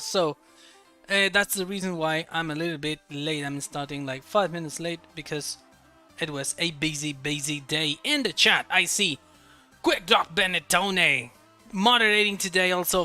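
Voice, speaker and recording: A man's voice: a little high, moderate pace, pushed and bright, soft background music. A man streaming live, chatting casually and greeting his viewers one by one, often repeating words as he talks. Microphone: desk microphone.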